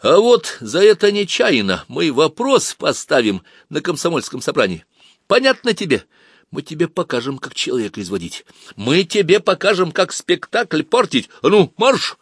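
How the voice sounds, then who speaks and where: A man reading a story aloud, voicing a gruff, bossy teenage stage manager who barks orders. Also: fairly high pitch, big pitch swings, normal speed, no room sound, clean studio sound, pitched above the performer's own voice, heavily acted. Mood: stern, scolding. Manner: barking orders.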